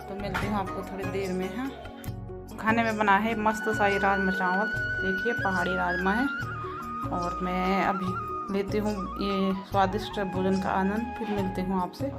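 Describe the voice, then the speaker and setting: A woman's voice: medium pitch, flat delivery, normal speed, over loud music. A woman vlogger and mother, chatting casually and telling a childhood story, often laughing as she talks.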